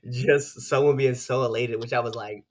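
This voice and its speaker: A man chatting casually as an interview host and fellow wrestler, telling stories in an animated, slangy way and laughing often. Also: mid-range voice, normal speed. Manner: animated storytelling with slangy asides; laughs often while talking.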